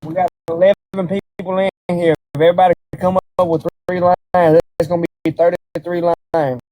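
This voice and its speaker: A man hosting a livestream in a relaxed, slangy voice, pitched a bit high with a mellow, dark tone. He sounds close and dry, with no room around him. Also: normal speed, no echo. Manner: laid-back, slangy, directing the chat. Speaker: livestream host. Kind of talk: casual livestream chat.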